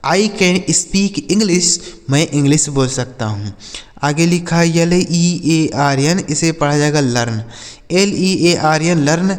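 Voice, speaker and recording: A man's voice: on the high side, unhurried, big-room sound. A man teaching English words to children in Hindi, spelling each word letter by letter and repeating every example sentence twice. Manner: addresses viewers as children. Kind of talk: slow spelling-and-translation lesson for children.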